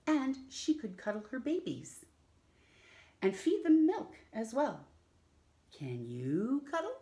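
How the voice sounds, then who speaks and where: Hosting storytime indoors in a small room at home, a middle-aged woman reads a picture book to young children. Her fairly high, dark-toned voice has huge pitch swings at a slow pace, and she theatrically lengthens words and asks her listeners questions.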